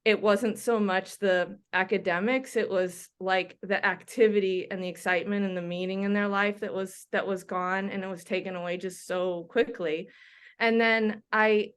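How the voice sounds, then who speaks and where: Speaking at a normal pace with fairly even intonation, this middle-aged woman from Denmark has a smooth, mid-range voice. She's a doctor and researcher recounting her background in a conversational interview, chatting along with frequent ums and restarts.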